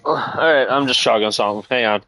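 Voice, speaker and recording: A man's voice: medium pitch, fast talker, sharp tone. A man with hiccups grumbling sarcastically and swearing as he comments on his gameplay. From United States. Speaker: gamer.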